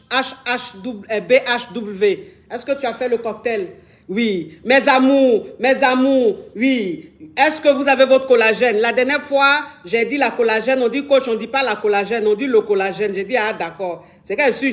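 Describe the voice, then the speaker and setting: A woman hosting a casual live stream from a phone in Dubai, chatting and repeating herself as she promotes a product and fields calls. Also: a little high. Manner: chatty, repeats herself, addresses viewers affectionately.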